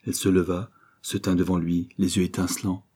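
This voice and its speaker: A man narrating a classic novel as an audiobook, measured and expressive. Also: deep voice, husky. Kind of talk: scripted literary narration.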